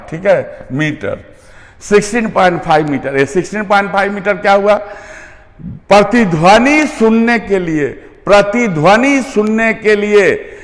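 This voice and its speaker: Slow high-voiced male physics teacher. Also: in a large hall. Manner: repeats key terms, checks understanding with questions. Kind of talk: classroom lecture. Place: classroom.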